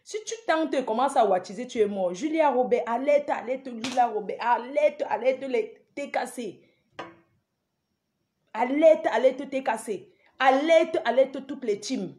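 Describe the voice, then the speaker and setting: A fairly high-voiced woman hosting a live stream for her viewers. She keeps chanting rallying calls, shouts out their names one after another and breaks off into emphatic, scolding asides. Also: unhurried, a little hiss or hum.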